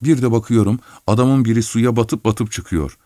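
A man narrating a story in the first person, with a steady, measured reading. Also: medium pitch, dry recording, studio quality. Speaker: audiobook narrator.

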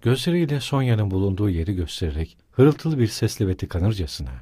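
A male audiobook narrator with a low, husky voice. He reads in a measured, dramatic way, close and dry with no room echo. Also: very animated, warm tone. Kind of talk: scripted narration.

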